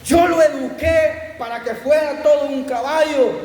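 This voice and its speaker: A man's voice: extremely high pitch, a little slow, darkish tone. A man preaching plays a stubborn, proud owner who insists his donkey is a horse. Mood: aggrieved. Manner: insistent, stubbornly sure of himself. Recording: echoey hall, faint room noise.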